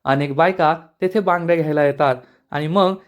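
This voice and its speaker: A man's voice: a little high, a little fast. A man retelling a TV serial episode as a plain, storytelling narration. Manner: plain storytelling narration, reads out the characters' lines.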